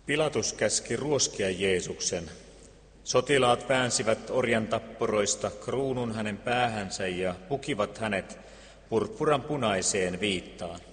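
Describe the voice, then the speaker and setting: A man reading Scripture aloud and preaching, solemn and measured, with deliberate pauses. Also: on the low side, a bit bright. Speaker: pastor. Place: church. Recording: long church reverb.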